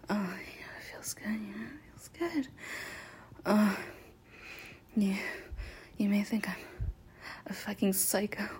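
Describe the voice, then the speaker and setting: A woman playing a sadistic, unhinged female killer in an adult audio roleplay, talking in a breathy whisper broken by laughs. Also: mid-range voice, takes it slowly, long pauses, darkish tone, slight background noise, natural voice. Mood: taunting whisper.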